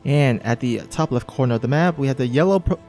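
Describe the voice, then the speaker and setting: A man's voice: mid-range voice, fast, a little mellow. A man co-casting a live strategy game match in a casual, joking way. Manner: casual, jokey. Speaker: esports co-caster. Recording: faint music behind.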